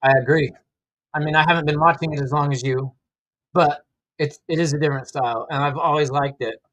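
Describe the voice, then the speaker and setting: A man with a slightly high voice hosts a casual live stream. He talks conversationally and gives his opinions freely, answering viewers as he goes. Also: steady tone, brisk, fairly bright tone, poor audio. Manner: opinionated, conversational, reads out and answers chat comments. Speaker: livestream host reacting to wrestling.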